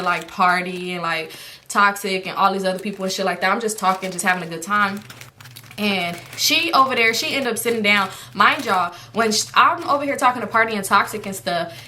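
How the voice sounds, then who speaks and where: A young woman casually telling a storytime, animated and profane, often calling her listeners y'all. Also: medium pitch, fairly quick, a little hiss or hum.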